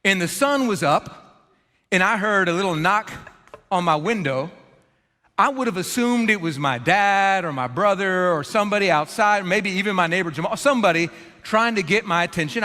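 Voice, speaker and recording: A man preaching a storytelling sermon, animated and self-deprecating, in a large church auditorium. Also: sits high, normal speed. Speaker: pastor. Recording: long reverb of a large church hall.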